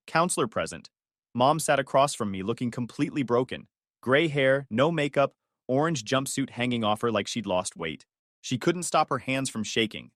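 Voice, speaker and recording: Lively-toned male storyteller, dry close sound. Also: mid-range voice, dry recording. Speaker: narrator. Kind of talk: storytime narration.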